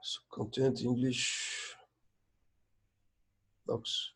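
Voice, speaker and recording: A man's voice: medium pitch, little pitch movement, drawn-out words, vocal fry, fairly bright tone, husky. A man talking casually on a video call during a technical meeting, thinking aloud as he checks documents. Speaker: project maintainer in a video meeting.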